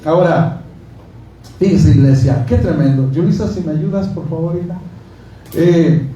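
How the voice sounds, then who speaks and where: High-voiced pastor in an echoey church. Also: male voice, unhurried, mellow, lo-fi sound, a little hiss or hum. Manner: conversational preaching, asks the congregation questions, jokes. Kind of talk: sermon. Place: church hall. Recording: echoey hall, from far off.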